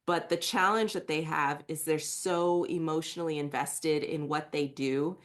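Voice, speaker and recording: A woman hosting a podcast interview with a slightly low voice. She asks curious, friendly questions in a relaxed conversational way. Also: a little slow. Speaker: podcast host.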